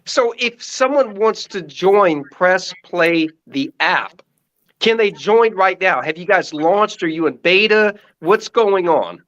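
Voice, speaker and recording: A man hosting a casual livestream interview, chatty and firing quick follow-up questions, heard through lo-fi livestream audio. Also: sits high, lively intonation, fairly bright tone. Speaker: show host. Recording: dull lo-fi phone livestream sound.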